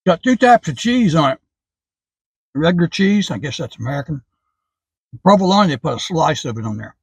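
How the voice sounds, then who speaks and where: A talkative man reviewing a sandwich on his own vlog, his pitch jumping up and down as he chats between bites. His voice is a little husky, and it sounds dry and close. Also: expressive, normal speed, dry recording. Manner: chatty, eats and talks between bites. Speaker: food reviewer. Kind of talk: casual food taste-test vlog.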